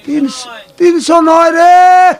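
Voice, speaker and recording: Speaking slowly, a man from Bangladesh delivers a waz sermon as a sing-song story. Sudden high-pitched exclamations punctuate it, along with calls for the audience to answer back.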